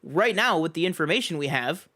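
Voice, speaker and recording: A man's voice: fairly high pitch, animated, a little fast, crowd noise. A man co-hosting a casual film review podcast, laying out his theories with lots of ums and you-knows. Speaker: podcast co-host.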